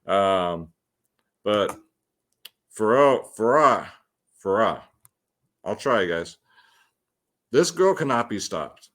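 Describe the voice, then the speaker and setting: A man hosts a fight picks and fantasy sports show, giving solo predictions and betting commentary in a casual, slangy way, addressing his viewers as guys. His lowish, fairly bright voice is sing-song and slow, with frequent pauses.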